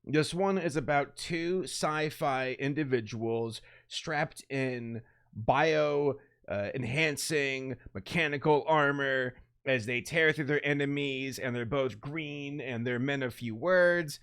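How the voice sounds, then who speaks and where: A man co-hosting a casual podcast chat, excitable and laughing often, talking into a desk microphone. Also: medium pitch, slow pace, smooth. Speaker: podcast co-host. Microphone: webcam and desk microphone.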